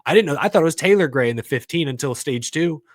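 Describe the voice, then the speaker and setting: A man co-hosting a podcast, chatting casually about motorsport in a lively way. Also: fairly high pitch, fast, no echo, studio quality. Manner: lively, mimics announcers in exaggerated voices. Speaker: podcast co-host.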